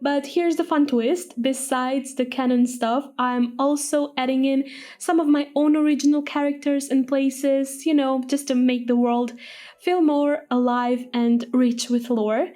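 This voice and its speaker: A woman's voice: sits high, steady tone, measured pace, dark tone. A young woman from Croatia, hosting a casual game voice-over and chatting in an upbeat way with small laughs. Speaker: Sims builder and channel host.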